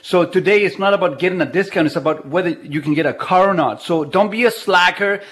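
Male radio host, high-pitched, casual and jokey, broadcasting from home. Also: brisk, a bit bright, slightly rough. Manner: chatty, jokey, laughs often. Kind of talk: casual live radio talk. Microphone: video call.

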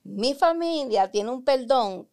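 A Puerto Rican woman hosting a casual psychology podcast chat, talking in a lively way and acting out the reactions she quotes. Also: high voice, slow. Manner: animated, acts out quoted reactions.

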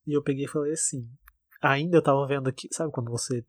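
A man, co-hosting a casual chat and telling stories in a blunt, animated way with swearing. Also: medium pitch, fast talker, no echo.

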